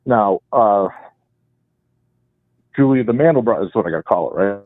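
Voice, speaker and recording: This radio caller, a Boston man, goes on at length in a rambling, emphatic way. He speaks at normal speed in a fairly low, expressive voice with no echo. Calling from home with his wife at his side, he moves from speakerphone to handset on a dry line.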